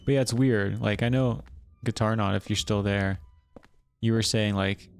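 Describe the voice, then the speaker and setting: A man's voice: fairly low pitch, fairly even intonation, normal speed, gravelly, clean tone, faint music behind. A man streaming a horror game live, giving casual, rambling commentary full of fillers and chuckles.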